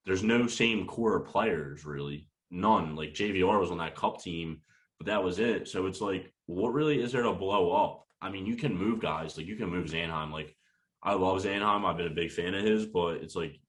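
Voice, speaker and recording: A young man with a low voice co-hosts a sports podcast, tearing into his team in a heated, rapid-fire rant full of cursing. The recording quality is rough.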